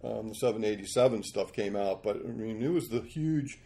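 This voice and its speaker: A man in his sixties, a podcast guest, telling rambling, animated stories about his life. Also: on the low side, fairly quick, gravelly. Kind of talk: storytelling interview.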